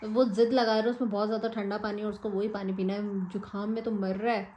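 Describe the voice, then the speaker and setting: In a bedroom, a young woman records a casual home vlog on her phone, speaking fast in a level tone about her sick child, with background noise present. Her voice is soft, rising higher when she coos at him.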